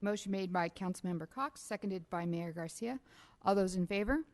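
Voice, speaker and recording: At a council meeting, a woman serving as city clerk reads motions and recommendations aloud in a steady procedural tone, following formal meeting procedure. Her voice is medium in pitch and moderate in pace.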